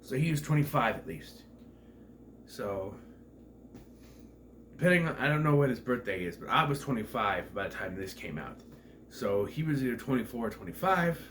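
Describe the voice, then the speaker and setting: A man in his thirties, nasal and blocked up from a cold, gives a loose, humorous film review with lots of side remarks and self-corrections. He speaks at medium pitch and normal speed, animated and fairly bright, pausing often. Background noise and echo come through a distant microphone.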